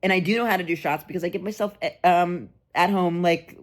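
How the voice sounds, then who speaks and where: A woman in her thirties, a comedian vlogger, telling a rambling, animated story in a casual vlog, acting out the voices of the people in it. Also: lowish voice, a little fast.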